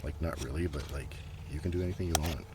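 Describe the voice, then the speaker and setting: A man with an extremely low voice speaks quickly yet hushed, at times close to whispering, in a rambling ASMR-style show-and-tell about things he's presenting. He records outdoors, and a gentle breeze and noticeable ambient noise come through.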